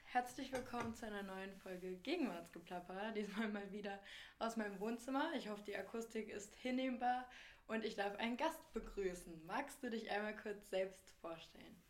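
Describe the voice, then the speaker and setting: A woman hosts a casual chat podcast, putting relaxed follow-up questions to her guest. Her voice sits at an ordinary middle pitch. The recording has a noticeable roomy echo from a home living room. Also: moderate pace. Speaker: podcast host.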